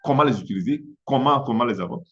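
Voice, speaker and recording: A male business coach from Togo, Mina being his first language, gives a hesitant motivational speech in Italian-accented French and keeps repeating words as he searches. He speaks at a medium pitch with lively intonation, though the recording sounds muffled.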